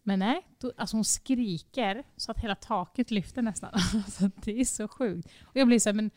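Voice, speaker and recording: A podcast host from Sweden speaks in a lively, storytelling way. Her voice sits at an ordinary middle pitch. It is recorded close and dry, with no room sound. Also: no room sound. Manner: animated storytelling, acts out her child's voice. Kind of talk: casual chat.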